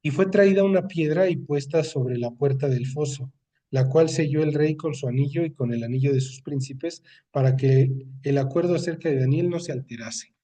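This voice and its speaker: A man with a warm, fairly high voice and a Mexican Spanish accent leads a Bible study, reading scripture aloud and explaining it conversationally. He often asks "¿no?" to seek agreement, and he sounds distant from the mic.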